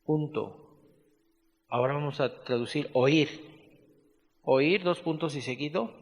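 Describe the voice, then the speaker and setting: A man with a Mexican accent teaching a Bible study class, dictating notes slowly and adding casual asides. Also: fairly high pitch. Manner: slow, spelled-out dictation mixed with conversational asides. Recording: echoey hall reverb.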